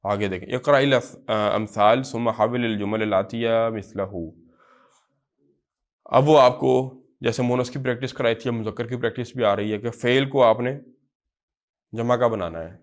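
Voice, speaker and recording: A man with a Pakistani accent gives a classroom grammar lecture at a middle pitch. He drags out the words he is teaching, says them again, and then rushes through short explanations. He keeps checking that the class understands. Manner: drills words slowly, then explains in quick asides; repeats phrases and checks understanding. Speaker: Arabic teacher.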